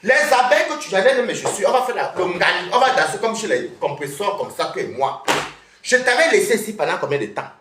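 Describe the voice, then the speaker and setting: A woman's voice: mid-range voice, big pitch swings, fairly quick, roomy sound, background noise. A woman streaming live from home, scolding and calling out a rival, often laughing mockingly. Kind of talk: heated live-stream rant.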